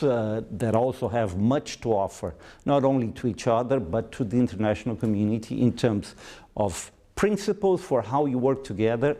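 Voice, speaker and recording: A man from Brazil with a Brazilian accent and Portuguese as his first language, giving formal, measured diplomatic interview answers with frequent hesitant pauses. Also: fairly low pitch, dark tone. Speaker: ambassador, interview guest.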